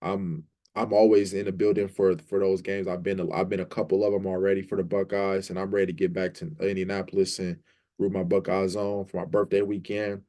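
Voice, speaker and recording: A man hosting a sports fan vlog, talking in a rambling, excitable way and often saying "man" and "like". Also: low voice, fairly quick. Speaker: sports fan channel host. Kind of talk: casual fan commentary vlog.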